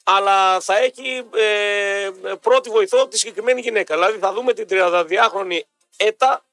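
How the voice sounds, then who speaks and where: A man's voice: high-pitched, bright, forceful tone, no echo, faint music behind. A Greek man co-hosting a casual radio show, teasing his partner and talking over him. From Greece. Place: radio studio. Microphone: studio microphone.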